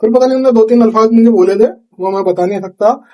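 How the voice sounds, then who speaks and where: A man's voice: high voice, fast, highs cut off. A young man chatting casually in a vlog, retelling a night's events with lots of quoted dialogue, from India. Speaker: vlogger. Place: home kitchen at night.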